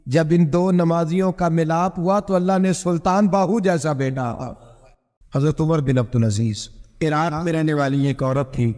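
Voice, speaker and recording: A man's voice: a little high, a little mellow. Earnest male preacher in an echoey hall. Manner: earnest, rhetorical questions to the audience. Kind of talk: storytelling sermon. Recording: echoey hall with long reverb.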